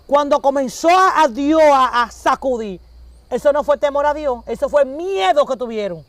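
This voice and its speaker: This woman's voice sits high and moves at a normal speed, with no echo. She preaches in a conversational way, animatedly acting out little dialogues and shifting her voice for each part.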